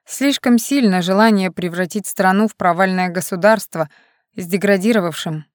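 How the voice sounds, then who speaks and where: Stern male militia leader, read by a woman, measured lecturing delivery, dry sound. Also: mid-range voice, no echo, close to an everyday voice. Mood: reflective. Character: serious stern man, militia leader, self-assured.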